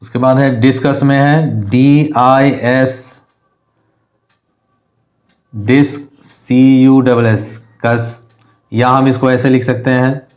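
A male teacher from India gives an English lesson, speaking slowly in a slightly mellow voice whose pitch stays level with little rise or fall. Patient and deliberate, he spells words out letter by letter.

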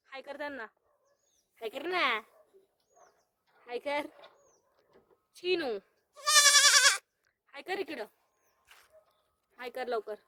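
A woman talks in a high, playful sing-song as she coaxes her pet goat on a farm. The sound is dry and close, as from a phone held near her, and a goat bleats now and then in the background. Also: dry recording. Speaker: vlogger. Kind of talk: casual village vlog talking to a pet goat. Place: outdoors on a farm with goats and hens.

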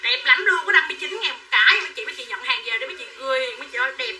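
Woman, livestream seller, high bright voice, distant mic, faint noise. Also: expressive, very fast. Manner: chatty, calls out prices and buyer names, coaxes viewers. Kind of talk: live sales pitch.

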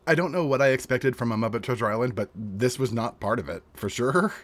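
A man's voice: medium pitch, a little fast. A man hosting a movie reaction, chatty and enthusiastic. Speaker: host. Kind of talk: casual reaction commentary.

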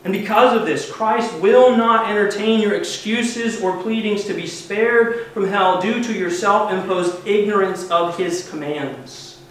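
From a church pulpit, a man in his thirties delivers an earnest, emphatic sermon in a high, somewhat bright voice, unhurried yet barely pausing. Heard from a far camera mic with no microphone in view, the recording is very echoey with a little hiss or hum.

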